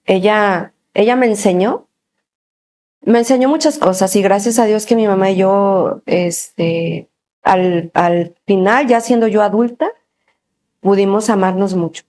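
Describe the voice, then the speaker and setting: A woman with a medium-pitched voice is being interviewed about her personal journey of faith. Her storytelling is lively, full of frequent laughter and brief hesitations.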